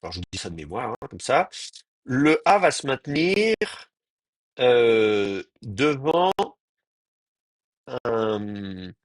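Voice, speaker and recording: A man teaching an online class, explaining slowly and thinking aloud, with frequent pauses and restarts. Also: mid-range voice, very animated, no echo. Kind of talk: live online class lecture.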